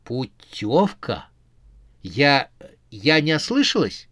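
A man voicing an irritable, sharp-tongued young witch who scolds and retorts in exasperation. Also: medium pitch, very animated, slow, dry recording, clean studio sound, heavily acted. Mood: exasperated.

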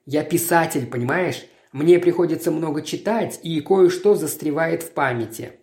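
A woman reading the lines of an earnest man, a writer, speaking in a calm, explanatory way. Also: sits low, normal speed. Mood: chatty. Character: earnest male writer, compassionate then angry. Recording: roomy echo.

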